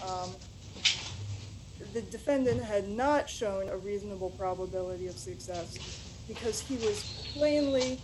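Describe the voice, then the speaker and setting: Hesitant woman arguing in court, noisy. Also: mid-range voice. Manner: hesitant, frequent ums and restarts. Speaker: attorney arguing an appeal. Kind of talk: formal courtroom oral argument. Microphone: distant microphone, voice fading in and out. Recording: noisy courtroom hearing audio, distant mic.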